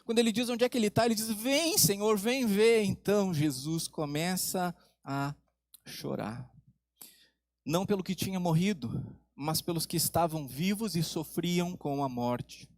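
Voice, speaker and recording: A pastor delivers an animated sermon, using dramatic pauses, letting his voice sink low and soft for emphasis, and putting questions to the congregation. There is no echo on the recording.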